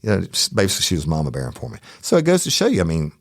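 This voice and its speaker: A man's voice: sits low, huge pitch swings, rapid-fire, vocal fry, no echo, studio quality. A man hosting a true crime podcast, telling a story in a casual, profane and heated way.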